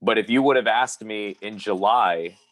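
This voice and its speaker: A professional wrestler from Pennsylvania, USA, appears as a guest in a casual interview, telling rambling stories in an easygoing way. His voice is lowish and a bit bright, at normal speed, with no room sound.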